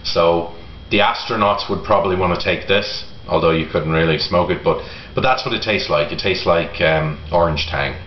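A middle-aged man giving a casual product review to camera in a halting way, pausing often. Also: deep voice. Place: home kitchen, indoors. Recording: roomy echo, dull sound, faint noise.

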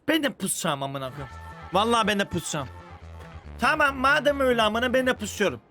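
A young man streaming a game, chatting profanely and joking, flaring into mock-angry shouting. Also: high-pitched. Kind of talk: casual live-stream gaming commentary. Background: music.

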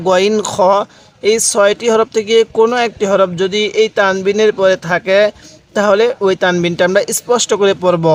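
A man teaching Quran reading, explaining rules quickly and then chanting verses slowly, asking learners to repeat after him. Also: sits high. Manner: alternates quick explanation with slow drawn-out chanting. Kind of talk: Quran reading lesson with slow chanted recitation.

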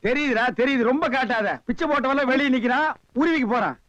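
A sharp-tongued mocking scold. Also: male voice, extremely high pitch, fast talker, no room sound, lo-fi sound. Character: sharp-tongued man mocking a crowd of beggars. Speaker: comic film character. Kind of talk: Tamil film comedy dialogue.

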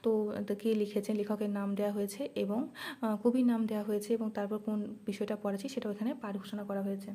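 A woman tutor walking through a lesson plan, reading English lines out slowly and then explaining each one, with many fillers and restarts. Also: medium pitch, little pitch movement, dark tone, a little hiss or hum. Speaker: teacher-training tutor.

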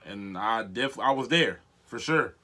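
An American man in his twenties doing a casual prank vlog, talking in a slangy, halting way to a phone and camera in a bedroom. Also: on the low side, expressive, bright, forceful tone. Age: 20s. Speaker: prank caller and video host. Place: small bedroom, indoors. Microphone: device mic at arm's length.

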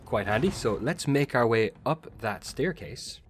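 Lively chatty gaming host. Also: male voice, mid-range voice, measured pace, slight background noise. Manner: casual, chatty, a bit jokey. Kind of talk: game walkthrough commentary.

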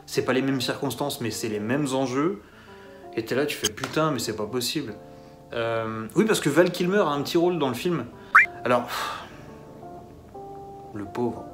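Guy doing a snarky movie review vlog, mid pitch, guitar music playing behind him. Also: moderate pace, long pauses. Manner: sarcastic, mocking, rambling. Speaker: film reviewer. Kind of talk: casual solo film review.

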